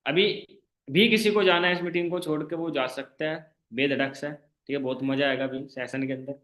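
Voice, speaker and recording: A man giving an online sales training class, making a persuasive pitch full of rhetorical questions and constantly checking that listeners follow. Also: fairly even intonation, normal speed, fairly bright tone, reverberant. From India. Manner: emphatic, rhetorical questions, keeps asking listeners if they follow. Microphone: online class call.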